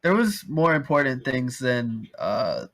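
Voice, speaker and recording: A young male player talks in a casual post-game interview. He is laid-back and a little shy, and laughs easily. His voice sits at a middle pitch. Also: very animated, a little slow, fairly bright tone.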